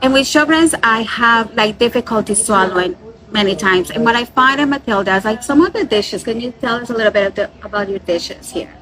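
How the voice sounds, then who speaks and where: Bright, upbeat woman host. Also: on the high side, fairly quick, low-quality recording. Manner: enthusiastic, upbeat. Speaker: dietitian and host. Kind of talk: casual interview chat. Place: restaurant.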